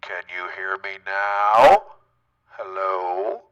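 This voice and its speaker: A man, a radio co-host, shouting loud and teasing through a bullhorn. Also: deep voice, drawn-out words, clean tone. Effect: talking through a bullhorn. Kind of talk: joking radio show banter. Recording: lo-fi bullhorn sound from off-mic.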